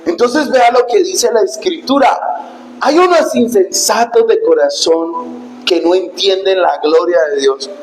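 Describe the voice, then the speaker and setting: A male pastor preaching a sermon, emphatic and dramatic, breaking into shouts. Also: sits high, lively intonation, a little slow, roomy sound, soft background music, low-quality recording. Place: church.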